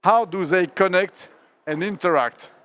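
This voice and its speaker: A man with a French accent moderating a live panel discussion, animated and speaking straight to the audience. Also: high-pitched, a little slow, clear, resonant tone.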